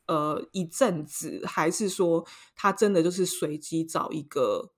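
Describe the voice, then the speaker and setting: Animated Taiwanese woman telling a story. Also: low voice, measured pace. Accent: Taiwanese Mandarin. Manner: animated, acts out voices in her story. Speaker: podcast co-host. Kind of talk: casual storytelling chat.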